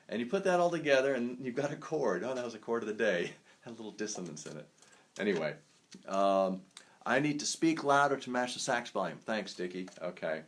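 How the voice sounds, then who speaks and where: A man with a very low voice talks loosely between saxophone pieces. He muses aloud, full of "um" and "like". The tone is an easygoing live lesson for listeners at home. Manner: rambling and thoughtful, many fillers. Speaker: saxophonist teaching improvisation. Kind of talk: casual spoken lesson.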